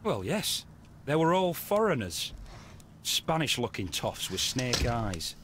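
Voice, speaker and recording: A man's voice: mid-range voice, very animated, slow, noisy background. An actor playing an indignant male train passenger who complains in a huffy tone in a video game.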